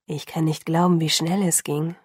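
A woman voicing a calm, dazed young male vampire who speaks softly and murmurs with quiet wonder and a touch of amusement. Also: moderate pace, breathy edge, no echo, clean studio sound. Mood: murmuring. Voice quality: soft and murmuring. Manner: wondering, lightly amused, lowered voice.

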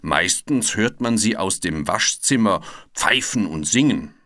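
A man's voice: lowish voice, animated, measured pace, pushed and bright, no echo, studio quality. A man voicing a grumpy, thoughtful old male animal who grumbles and ponders. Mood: grumbling, thoughtful.

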